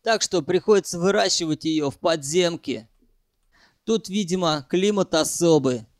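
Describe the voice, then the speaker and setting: A man's voice: fairly high pitch, a little slow, no room sound, studio quality, natural voice. A man voicing a cocky, sly male gang leader who was once a chemistry student and explains things at ease. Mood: sly, explaining.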